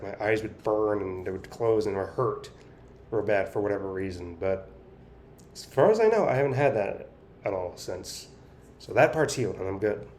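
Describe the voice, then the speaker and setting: A man with a fairly low voice gives a casual vlog-style update over clearly audible background noise. He speaks with a straw clenched in his teeth, so his articulation is effortful and impaired. His delivery is halting and hesitant. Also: a little mellow. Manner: talking through clenched teeth, biting on a straw. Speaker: vlogger sharing speech progress. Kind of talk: casual personal update to camera.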